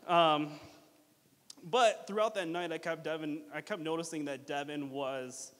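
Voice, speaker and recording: A man with a slightly high voice gives a rambling best man speech in a hall with long reverb. He talks informally and jokingly, stumbling into false starts and circling back over his phrases. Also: steady tone. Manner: rambling, halting, with false starts and repeated fillers. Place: reverberant hall at a wedding reception.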